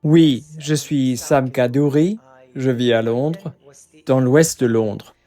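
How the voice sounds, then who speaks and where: A man's voice: mid-range voice, slow pace, warm tone, soft background music. A man introducing himself as a panel guest in a plain, matter-of-fact way. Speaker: guest, study-day organizer.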